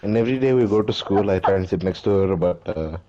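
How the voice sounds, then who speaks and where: In a comedy sketch monologue, a man with a deep, warm, natural voice talks fast as a boastful Delhi storyteller rambling through a comic tale of his teenage years and laughing at his own jokes. The recording is dull and faintly noisy.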